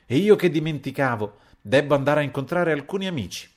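A man's voice: fairly high pitch, expressive, brisk, pitched above the performer's own voice, lightly acted. A man reading a novel aloud and voicing a stern, imperious older count who gives curt orders. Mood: brisk. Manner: curt, commanding. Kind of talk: audiobook character voice.

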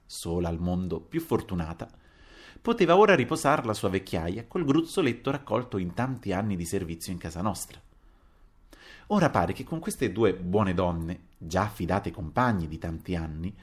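A man narrating a novel as an audiobook, in an expressive, dramatic reading. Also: sits low. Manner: expressive, dramatic reading with wide swings in loudness.

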